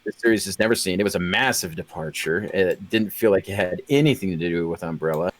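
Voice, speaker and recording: A man's voice: sits low, fairly quick. A man talking as a guest in a casual stream chat, rambling with many restarts.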